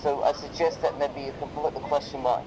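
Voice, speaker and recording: A man tutoring English one to one in a casual, explanatory way, softening his corrections with tentative phrasing. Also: fairly high pitch, level tone, a little fast, crowd noise, rough recording. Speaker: English teacher correcting writing.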